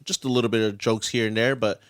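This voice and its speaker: A man hosting a casual film podcast, leading a recap in a relaxed way with plenty of filler words. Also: on the low side, quick pace, dry recording, clean studio sound. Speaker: podcast host.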